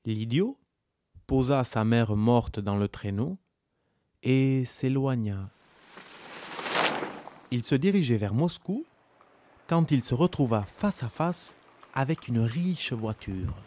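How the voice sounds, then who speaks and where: A man narrating a folk tale in a calm, measured storytelling manner. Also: medium pitch.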